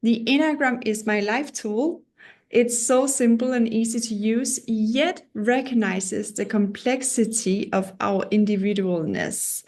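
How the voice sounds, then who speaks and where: A Danish woman in her thirties, speaking with a Danish accent, introduces an online parenting course as its teacher. Her voice sits a little high and sounds slightly mellow, and she takes her time. She comes across as earnest and personal, with small restarts and self-deprecating asides.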